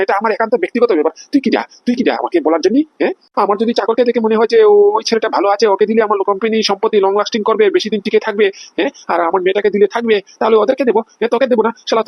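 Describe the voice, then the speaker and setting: Husky, high-voiced bully dad played by a man, fast-talking, threats spilling out. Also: no echo, lo-fi sound. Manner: shouting threats, boastful, abusive. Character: blustering hot-tempered father, middle-aged man. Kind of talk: comedy sketch acting.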